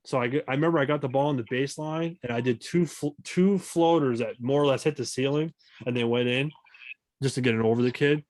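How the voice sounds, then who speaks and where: A podcast host from Maine rambles through old basketball stories in a casual, profane way. His voice sits at a middle pitch. It is recorded close and dry. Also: quick pace, a little mellow, dry recording, rough recording. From Maine, USA. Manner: rambling storyteller, swears casually. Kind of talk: casual chat.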